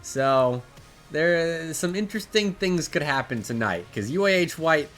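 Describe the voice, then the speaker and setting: Opening an esports match stream from his home desk setup, a man chats casually into a desk microphone, his voice nasal and stuffy from allergies. He sounds animated, with fairly high pitch and a fairly bright tone at normal speed, rambling and restarting often as faint music plays behind him.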